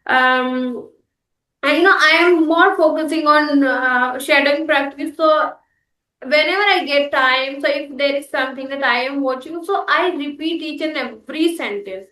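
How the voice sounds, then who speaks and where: A young woman with an Indian accent hosts a casual English practice conversation as a learner, speaking hesitantly with many fillers and restarts. Her voice is high-pitched, pushed and bright at a moderate pace, captured on a distant mic in an echoey room with poor audio.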